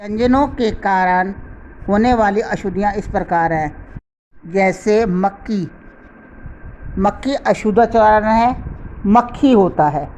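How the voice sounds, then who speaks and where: A woman teaching a grammar lesson, who speaks slowly and deliberately and repeats each example word. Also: medium pitch, darkish tone, slight background noise, poor audio. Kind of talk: slow explanatory lesson.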